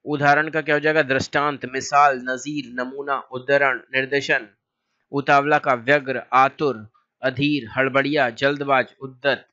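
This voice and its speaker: Bright-voiced man drilling word lists. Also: medium pitch, measured pace, dull audio. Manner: steady list-like drilling with short asides. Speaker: Hindi teacher. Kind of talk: reciting Hindi synonym lists.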